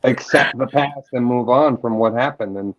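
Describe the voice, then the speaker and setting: A man co-hosting a casual fan chat, excitable, often repeating his words as he talks. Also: medium pitch, dull audio, crowd noise. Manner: excited, fast, repeats himself. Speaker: co-host.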